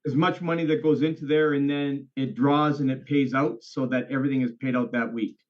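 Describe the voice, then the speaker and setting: A man's voice: medium pitch, fairly even intonation, fairly quick. Man on a bad, breaking-up internet call. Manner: enthusiastic, emphatic, repeats for stress. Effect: breaking-up bad internet connection. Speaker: call participant asking questions. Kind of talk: casual online group call. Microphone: computer or phone on a video call. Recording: dull lo-fi internet call audio.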